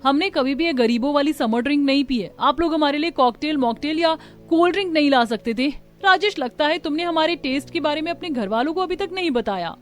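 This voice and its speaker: A woman voices a spoiled, arrogant rich young daughter-in-law in a cartoon story. Her high-pitched, animated delivery is fairly quick with hardly any pauses, and she sounds haughty and sneering.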